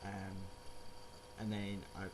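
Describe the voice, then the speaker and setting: A man's voice: lowish voice, monotone, slow. A man giving a casual personal update in a rambling, self-correcting way, as a vlogger. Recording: clear background noise.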